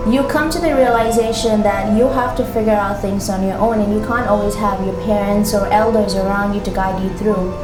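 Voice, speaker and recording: A young woman from Ghana talks in an earnest, reflective way, pausing often with soft ums. Her voice sits at a middle pitch. The recording sounds roomy, with music playing clearly behind her. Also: steady tone. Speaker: international graduate student. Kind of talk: documentary interview monologue.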